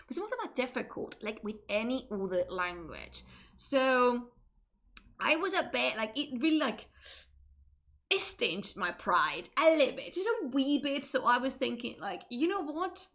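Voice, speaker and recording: Chatting casually on stream, a Spanish woman speaks English with a Spanish accent at a measured pace. Her fairly high, fairly bright voice has lively intonation, and she laughs frequently while interrupting and restarting herself.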